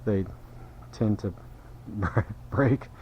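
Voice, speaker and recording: A man's voice: on the low side, drawn-out words, a little mellow, breathy edge. A middle-aged man, casually narrating his car detailing work in a shop, joking with viewers and a little out of breath. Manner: chatty, self-deprecating, jokey asides to viewers. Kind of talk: casual how-to narration while working.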